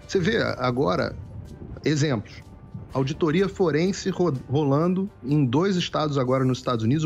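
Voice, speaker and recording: A man lays out his political views as a talk show guest. His fairly high voice swings widely in pitch, and he presses his points by repeating them. Faint music sits behind audio that sounds dull and lo-fi. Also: darkish tone. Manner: lecturing, emphatic, repeats phrases. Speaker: guest commentator.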